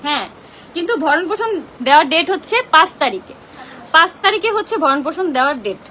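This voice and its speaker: A woman's voice: extremely high pitch, lively intonation, sharp tone. A young woman with a Bangladeshi Bengali accent ranting on a live stream, agitated and confrontational, speaking into her phone. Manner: agitated, confrontational, rapid complaining. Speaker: social media livestreamer. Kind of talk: emotional live-stream rant.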